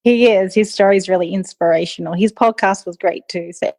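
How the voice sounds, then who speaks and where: A woman with an Australian accent speaks as a guest in a casual interview. She talks in a relaxed, easy way, often saying um and like. The sound is close and dry. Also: mid-range voice, brisk, dry recording. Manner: relaxed, frequent ums and likes. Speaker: guest, nutritionist.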